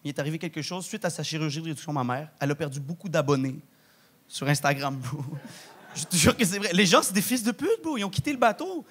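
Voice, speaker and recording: A young man with a broad Québécois accent works through a stand-up set, his voice sitting high for a man. He talks in a loose, slangy, animated way and drops Quebec swears throughout. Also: quick pace, slightly rough. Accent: Québécois French. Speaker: stand-up comedian. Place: large theatre stage with live audience.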